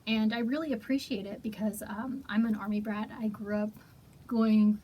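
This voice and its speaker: A woman guest in a radio studio talking softly and a little hesitantly in a casual interview, with plenty of fillers. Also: mid-range voice, fairly even intonation, normal speed, slight background noise, poor audio. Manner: soft-spoken, hesitant, many fillers.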